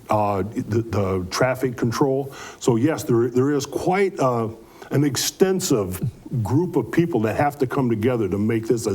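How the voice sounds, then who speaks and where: Male community organizer, relaxed dark voice, earnest and folksy interviewee. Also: medium pitch. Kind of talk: conversational interview answers.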